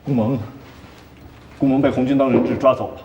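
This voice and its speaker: A man's voice: mid-range voice, steady tone, fairly quick, muffled recording, noisy background, close to an everyday voice. An actor playing an anxious male supply driver who reports and apologizes. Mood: urgent. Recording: drama audio with music behind.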